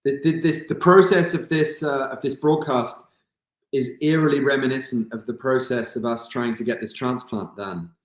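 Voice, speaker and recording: A man from England, a kidney recipient, joins a video call as a guest for a casual interview chat. His medium-pitched voice moves at normal speed with reverb, full of fillers and restarts.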